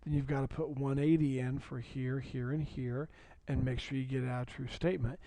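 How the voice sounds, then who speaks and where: Male math teacher for a video lesson, dark mellow tone, dry close recording, patient and repetitive. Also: medium pitch, level tone, normal speed, no room sound. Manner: patient, repeats key points, checks in with "okay?".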